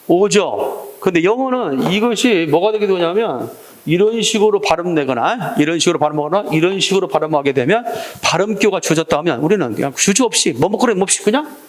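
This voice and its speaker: A man teaching an exam-prep Korean language lecture, drilling students with call-and-response prompts. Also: high voice. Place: lecture classroom.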